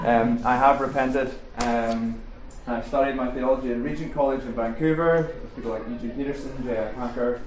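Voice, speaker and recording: This seminar speaker from Northern Ireland is a middle-aged man with a mid-range voice and steady tone, joking quickly with his audience, asking them questions and saying um a lot. The topic is faith and culture. Recorded in a large echoey room, the audio is distant, dull, and roomy with a faint hiss.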